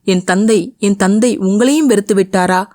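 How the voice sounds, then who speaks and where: A woman's voice: medium pitch, normal speed, dark tone, close to an everyday voice. A woman voicing a young heroine in an audio novel, tearful and pleading with her beloved.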